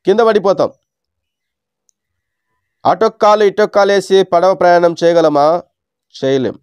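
A man from India preaching a Sunday sermon in a measured teaching tone, asking his listeners rhetorical questions. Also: high-pitched, a little mellow, smooth, no echo.

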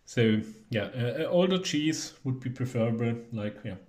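A man's voice: medium pitch, lively intonation, moderate pace, a little mellow, roomy sound. A young man, chatting casually and hesitantly while trying food in a home cooking video. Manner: rambling, hesitant, joking. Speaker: cooking vlogger. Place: home kitchen.

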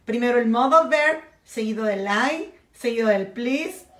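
A woman's voice: a little high, lively intonation, a little slow. A woman teaching an English grammar lesson, explaining step by step and switching between English and Spanish. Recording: echoey room.

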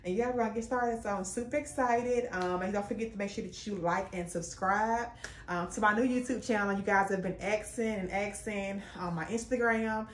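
A woman's voice: medium pitch, normal speed, a little hiss or hum. A woman doing a casual DIY how-to vlog, chatting and explaining each step while her voice echoes around a bare bedroom. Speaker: DIY vlogger. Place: bedroom with the bed moved away.

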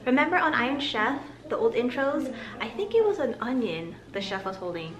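A crowd can be heard behind this vlogger, a woman in her thirties whose sing-song voice sits on the high side and moves a little fast. She cheerfully chats through her grocery haul in her living room, lingering on some words, recorded by camera with roomy audio and a hiss.

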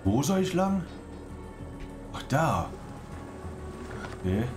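A man's voice: fairly high pitch, sing-song, slow pace. A man giving casual, offhand let's play commentary in short laconic remarks. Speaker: let's player. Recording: loud game audio behind. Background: game music and effects.

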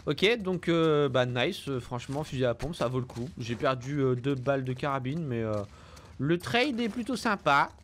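A young man giving casual, joking and excitable game commentary in slang, jumpy when startled. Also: medium pitch, normal speed, hardly any pauses, a little hiss or hum. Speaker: game streamer. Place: indoor room at home. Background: game sounds.

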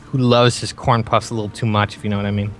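A man's voice: lowish voice, flat delivery, fast, a bit bright, soft background music. A young man casually chatting and joking while playing a game with friends, often breaking into sing-song bits and swearing. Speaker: let's play host. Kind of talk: casual gaming chat.

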